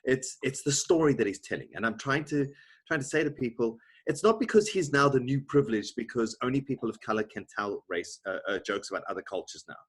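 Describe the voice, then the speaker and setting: A man's voice: mid-range voice, lively intonation, fairly quick, husky. A South African man hosting a podcast over a video call, earnestly searching for the right words. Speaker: podcast host. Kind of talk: podcast conversation.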